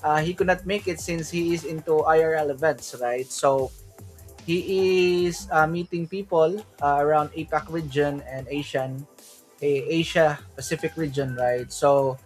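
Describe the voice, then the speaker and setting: A man from the Philippines with a Filipino accent hosts a loose solo crypto livestream, mixing in Tagalog now and then and often asking "right?" after his points. His voice is on the high side, fairly even in intonation and a little slow, with faint music in the background.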